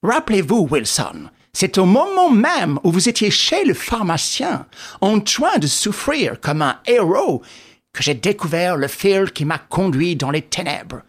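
A man's voice: high voice, big pitch swings, measured pace, breathy edge, voice pushed up, heavily acted. A man reading an audiobook, voicing a self-satisfied English detective who talks in a hearty, bossy way. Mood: jovial.

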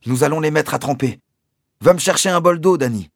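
A man's voice: on the high side, brisk, gravelly, no echo, studio quality, pitched above the performer's own voice. A man voicing a caring, protective father in an audiobook reading, speaking in an urgent, raised voice. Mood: warm.

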